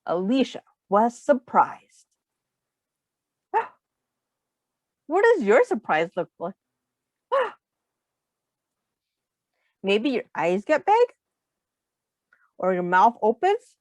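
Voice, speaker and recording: A woman with a mid-range voice reads a children's storybook aloud, expressive and simple like a teacher, stopping now and then to ask young listeners questions. There is no echo.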